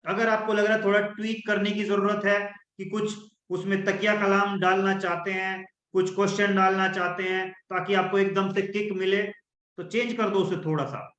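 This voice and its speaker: A man coaching an online workshop on a video call, animated and acting out the tones he describes. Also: high voice, moderate pace. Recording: echoey room, dull lo-fi sound.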